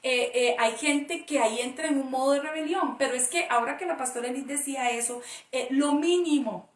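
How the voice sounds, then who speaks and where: A woman speaks reflectively in a church talk, often pausing on hesitant fillers. Her voice is high. The audio is echoey and comes from a mic set far off. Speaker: co-host. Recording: roomy audio from a distant mic.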